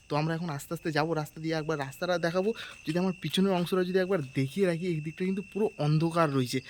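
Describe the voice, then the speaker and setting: A man vlogging outdoors at night on a dark street, talking quietly into a handheld phone camera as he sneaks along. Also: on the high side, slight background noise. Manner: speaking quietly in a hushed voice while sneaking near a house. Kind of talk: casual vlog narration.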